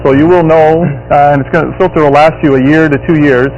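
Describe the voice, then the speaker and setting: A man's voice: a little high, steady tone, fast talker, darkish tone. Middle aged guy explaining a product on shopping tv, medium voice, muffled sound, slight hum. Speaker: product expert guest on a shopping show. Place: TV studio kitchen set. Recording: lo-fi TV audio, faint hum.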